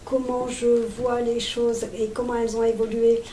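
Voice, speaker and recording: A woman recruiter on a panel talks in quick, emphatic bursts. Her voice sits a little high and mellow. She is picked up from a distance in a reverberant conference room. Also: monotone. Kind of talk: panel discussion. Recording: echoey room, distant mic, faint noise.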